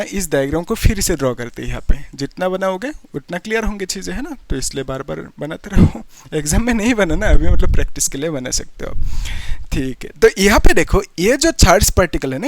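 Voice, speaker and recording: A man's voice: sits high, no echo. A young man teaching a physics lesson step by step, often putting questions to students and checking they follow. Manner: explains step by step, keeps asking students questions and checking with "ठीक है".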